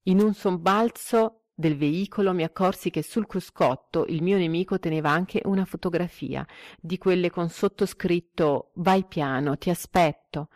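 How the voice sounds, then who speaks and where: Woman narrator, lowish voice, measured literary reading, dry close recording. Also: no room sound. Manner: measured, expressive reading with lively quoted dialogue.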